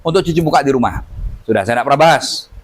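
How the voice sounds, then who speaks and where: A middle-aged man, a healer, telling a testimony story in an animated way and acting out the dialogue. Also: medium pitch, quick pace, breathy edge.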